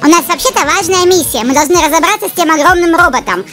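A tiny, feisty cartoon dog, with an extremely high childlike pitch. The little corgi talks quickly, pushy and indignant, over soft music. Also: female voice. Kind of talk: cartoon dog voice in a scripted comic story. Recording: music behind the voice.

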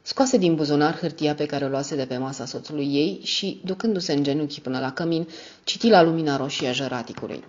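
O femeie care narează o carte audio polițistă într-un ritm măsurat și egal. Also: female voice, sits low, a little mellow, dull audio. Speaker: audiobook narrator. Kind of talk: scripted audiobook narration.

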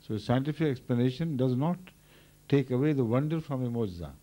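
An older man, a religious leader, giving a measured, thoughtful explanation at a microphone during a question session. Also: medium pitch, dark tone. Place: large indoor hall. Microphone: standing microphone.

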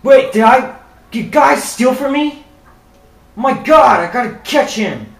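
A man's voice: very high voice, animated, slow, vocal fry, echoey room, poor audio. A young man joking around while playing a video game, silly and playful. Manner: goofy, playful, bursts of shouting. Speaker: gamer.

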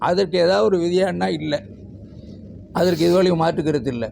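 A man's voice: high voice, steady tone, brisk, gravelly, darkish tone, slight background noise. A man speaking as a teachers' union leader at a press conference, emphatic as he lists figures and demands.

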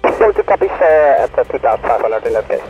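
Dutch-accented man, pilot over muffled aircraft radio, mid-pitched, brisk readbacks, faint music behind. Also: animated, a little mellow. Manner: brisk readbacks with hesitant fillers. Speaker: military fighter pilot. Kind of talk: radio phraseology.

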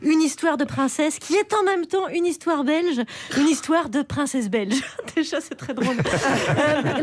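A woman hosting a live radio show from a studio, brisk and amused, laughing along with her guests. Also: sits high. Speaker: radio host.

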